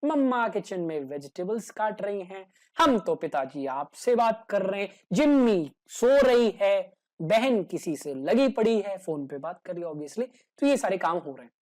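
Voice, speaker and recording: A man explains English grammar as a teacher in an easygoing, humorous way. He acts out small everyday dialogues to make his examples clear. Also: sits high, big pitch swings, a little slow, darkish tone. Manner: casual and joking, acts out little everyday dialogues.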